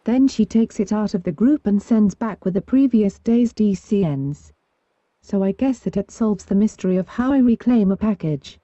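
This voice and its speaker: A woman reading forum posts aloud at a steady pace, spelling out abbreviations letter by letter. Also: medium pitch, normal speed, no echo. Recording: dull, lo-fi dry recording.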